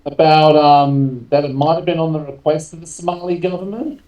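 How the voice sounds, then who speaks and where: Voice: medium pitch, fairly even intonation, normal speed, far from the mic, a crowd in the background. A co-host on a political chat show, chiming in with short agreements and hesitant asides. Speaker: podcast co-host. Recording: echoey room, away from the mic.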